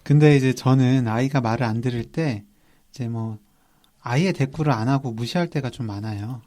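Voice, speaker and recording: Man with a mellow, dry-witted manner. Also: medium pitch, moderate pace. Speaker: podcast co-host, father. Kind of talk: casual podcast chat.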